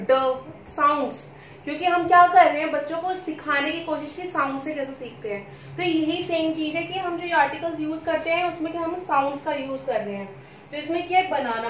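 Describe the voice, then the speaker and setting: A woman with a high, bright voice teaches a grammar lesson and keeps asking questions that she answers herself. She is recorded from some distance in a roomy, echoing space, with a faint ambient hiss behind her. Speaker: English teacher. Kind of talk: classroom-style lesson explanation. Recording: roomy echo, speaking from a distance.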